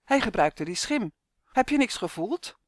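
A blunt, probing fisherwoman with a high, sharp voice, played by a woman reading aloud. She fires questions in a storybook reading, with a dry, close sound. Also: big pitch swings, a little slow, no room sound. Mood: alarmed.

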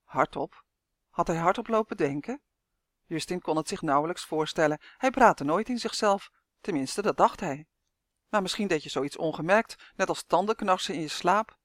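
A narrator reading a children's novel aloud as an audiobook, telling it in a steady, expressive way. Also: medium pitch, moderate pace, no echo, clean studio sound.

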